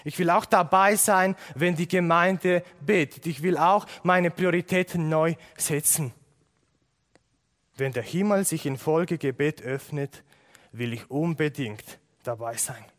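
A man's voice: a little high, measured pace, fairly bright tone. A man preaching a sermon to his congregation, earnest and building his points through repeated phrases. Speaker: pastor.

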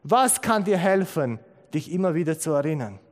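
Male preacher, high voice, unhurried emphatic sermon delivery, long hall echo. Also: sing-song. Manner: slow, emphatic, repeats key phrases.

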